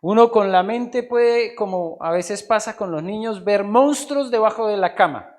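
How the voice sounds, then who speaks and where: A Colombian man preaching a sermon as pastor in a church, swinging between quiet asides and loud, emphatic lines. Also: high voice, a little slow.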